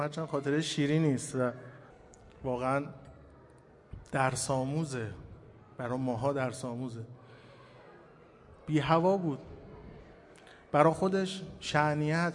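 A man, a cleric, giving a sermon full of personal memories, swelling loud and then dropping soft. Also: medium pitch. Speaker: cleric speaker. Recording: hall reverb with faint ambient noise.

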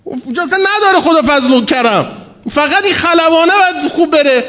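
A man preaching a sermon from a pulpit, telling stories with humor and acting out quoted dialogue. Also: extremely high pitch. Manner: animated, humorous storytelling, acts out quoted dialogue. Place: mosque or religious hall at a pulpit.

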